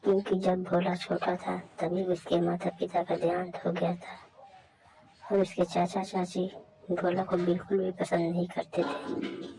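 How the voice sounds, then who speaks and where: A woman narrating a children's cartoon story in a plain, steady way. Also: lowish voice, measured pace, vocal fry, background noise.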